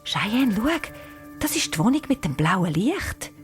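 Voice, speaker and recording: A woman with a Swiss German accent voicing a timid, nervous schoolgirl in a storybook who stutters and squeaks. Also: big pitch swings, unhurried, soft background music. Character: timid nervous schoolgirl Anisa, about ten.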